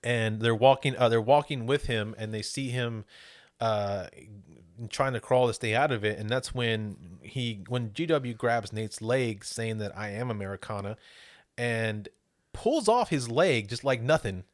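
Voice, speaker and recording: A man's voice: mid-range voice, a little slow, no echo. Podcast co-host, male, rambling and foul-mouthed, dry close mic. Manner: rambling, profane, laughs often while recapping. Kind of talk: casual movie review chat.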